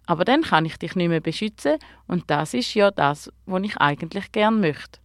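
A woman's voice: lowish voice, lively intonation, moderate pace, no echo, clean studio sound. Field: a woman voicing a kindly fallen star. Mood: sobbing. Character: fallen little guardian star, male, kindly and clumsy.

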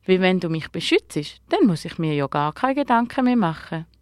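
Casting: a bright, curious young girl with a lilt, lively and higher voiced, as a woman puts her on. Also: a little fast, no echo, clean studio sound. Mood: helpful.

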